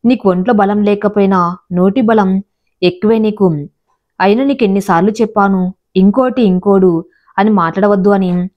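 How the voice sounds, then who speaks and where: A woman narrator voicing a short-tempered young husband in a spoken storybook, gruff and bossy at times and pleading at others. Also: medium pitch, moderate pace, pauses often, highs cut off, natural voice. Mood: angry.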